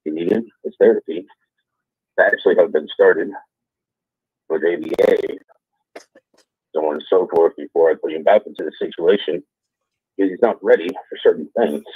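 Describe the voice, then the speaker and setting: Guy calling in over the phone, low husky voice, sounds tinny n dry. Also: moderate pace, long pauses, dry recording. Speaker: caller on a call-in show.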